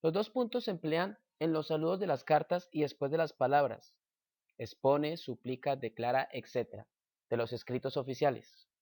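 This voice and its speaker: Man slowly reading a grammar lesson. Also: fairly high pitch, darkish tone, no room sound, studio quality. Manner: slow, measured reading with example sentences. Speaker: teacher.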